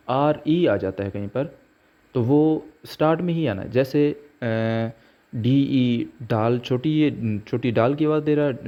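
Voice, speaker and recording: Slow-spoken man teaching pronunciation. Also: medium pitch. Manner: slow, deliberate, spells out letters and example words. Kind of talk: slow explanatory lesson. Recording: dull lo-fi recording.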